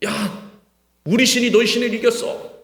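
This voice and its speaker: A man's voice: very high voice, fairly even intonation, moderate pace. A male pastor mimicking enemy soldiers who taunt and mock a captive. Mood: gloating. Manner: mocking, taunting. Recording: reverberant church hall.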